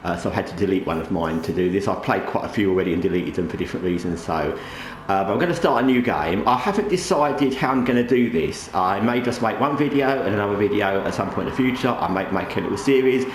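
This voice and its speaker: A gaming channel host talks fast in a fairly low voice, rambling casually while a towel covers his head and the mic beneath it. The recording has a roomy echo and faint background noise.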